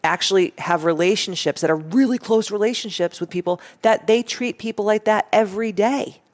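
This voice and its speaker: In a relaxed storytelling chat, a female interview guest talks at a fairly quick clip in a medium-pitched voice. Animated and blunt, she curses without restraint and performs other people's lines as she recounts events.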